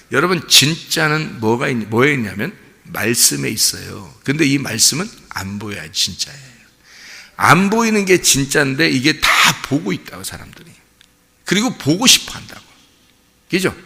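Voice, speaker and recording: Gravelly pastor preaching in a reverberant church. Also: male voice, mid-range voice. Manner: storytelling, animated, addresses congregation with questions. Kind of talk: sermon. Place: church sanctuary.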